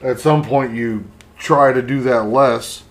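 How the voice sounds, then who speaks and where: A middle-aged man talks art on his livestream in a plain, mid-pitched voice. He is blunt and frank, and he rambles a little as he chats. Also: fairly even intonation, slow pace. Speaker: livestream host, artist. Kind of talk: casual livestream chat.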